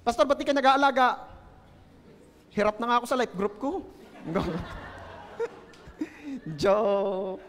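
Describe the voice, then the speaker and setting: High-voiced Filipino pastor in an echoing hall. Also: male voice, slow pace, pauses often, fairly bright tone, some chatter behind, slight background noise. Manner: joking, asks the congregation questions. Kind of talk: lively humorous sermon. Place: church hall.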